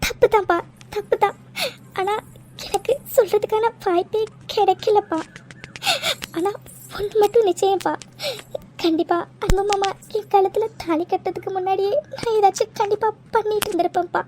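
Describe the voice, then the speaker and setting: A woman's voice: very high voice, steady tone, moderate pace, darkish tone, a little hiss or hum. A woman voicing a tearful young bride. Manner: crying, pleading, stammering. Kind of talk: cartoon voice acting.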